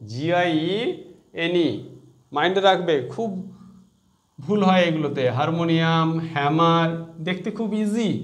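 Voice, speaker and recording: Bengali male teacher, high voice, drilling exam spellings letter by letter. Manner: spells words letter by letter, repeats key words slowly. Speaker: English teacher. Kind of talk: exam-prep spelling lesson.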